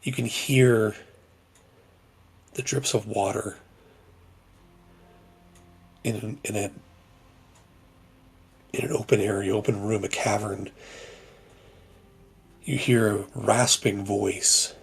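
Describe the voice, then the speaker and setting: Slow, gravelly-voiced man narrating a game. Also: fairly low pitch, steady tone. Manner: slow, measured descriptive narration. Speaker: game master.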